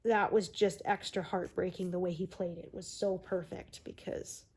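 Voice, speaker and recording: A woman's voice: fairly low pitch, little pitch movement, moderate pace, darkish tone, breathy edge. Chatty woman stitching, laughing along. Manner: chatty, laughs often, rambling with fillers. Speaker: crafting video host. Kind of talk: casual chat while cross-stitching.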